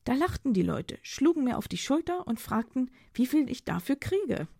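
A woman's voice: high-pitched, sing-song, moderate pace, gravelly, warm tone, slightly rough, dry recording, studio quality, voice pushed up, heavily acted. Woman voicing a proud, prickly woman artist. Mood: explaining. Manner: defiant and indignant.

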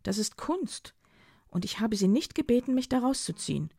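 A woman's voice: medium pitch, animated, a little slow, vocal fry, warm tone, husky, no room sound, clean studio sound, heavily acted. Woman voicing a proud, prickly woman artist. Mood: indignant. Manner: defiant and indignant.

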